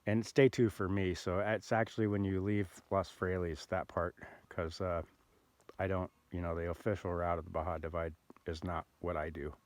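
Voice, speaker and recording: An older man telling a rambling, easygoing story outdoors on a remote mountain road, with many pauses and "uh"s. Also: deep voice, fairly even intonation. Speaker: bikepacker vlogger. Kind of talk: casual outdoor vlog narration.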